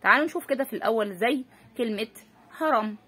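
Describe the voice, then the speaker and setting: A woman's voice: on the high side, quick pace, sharp tone, husky. A woman teacher with an Egyptian accent, giving a patient spelling lesson for children and asking and answering her own questions. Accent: Egyptian Arabic.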